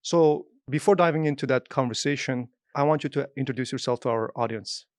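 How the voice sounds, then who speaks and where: A podcast host asks questions with curiosity in a casual interview, his grammar non-native. He speaks fairly quickly at medium pitch, and there's no room sound.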